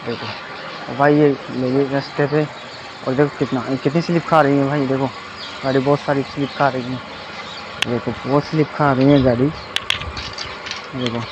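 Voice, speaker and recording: A young man vlogs casually along a muddy dirt road, his commentary loose and repetitive, peppered with "ye dekho" and "bhai." He speaks at medium pitch and moderate pace, flatly, with long pauses. The phone camera's dull, lo-fi audio carries loud outdoor noise.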